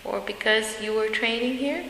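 A woman's voice: fairly high pitch, normal speed, vocal fry, fairly bright tone. A woman conducting a casual interview in a chatty way, often turning answers back into questions. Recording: echoey room, faint hiss.

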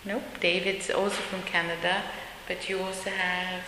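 A woman's voice: fairly low pitch, little pitch movement, moderate pace. A woman conducting a casual interview in a chatty way, often turning answers back into questions. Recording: echoey room, faint hiss.

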